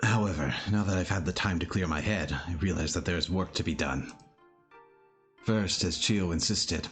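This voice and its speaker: A young village leader acted by a man speaks in a low, raspy voice. He is a dry, teasing father figure from a visual novel, with faint music playing behind him. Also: lightly acted. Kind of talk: visual novel character acting.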